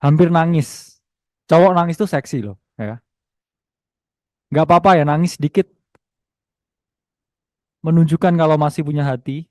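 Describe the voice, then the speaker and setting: A young man with an Indonesian accent runs an online trading class, teasing his audience and reading out their comments between points. His voice is a touch high but dark and mellow. It sounds close and dry, with no room around it. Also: moderate pace, long pauses, no echo. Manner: chatty, teasing, reads chat aloud, many tag "ya". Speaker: webinar host and trading teacher. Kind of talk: casual online webinar lecture.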